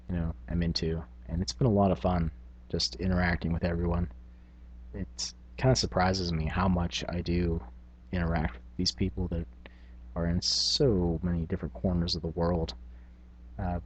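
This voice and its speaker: Here a middle-aged man hosts a laid-back vlog on tabletop gaming, reflecting informally and stopping to think aloud. His low voice is a touch mellow, with a breathy edge.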